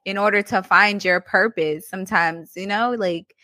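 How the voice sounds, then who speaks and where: A woman hosts a casual podcast chat, warmly affirming and animated as she draws her guest out. Her tone is bright and forceful. The sound is dry and close. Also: medium pitch, moderate pace, no echo. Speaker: podcast host.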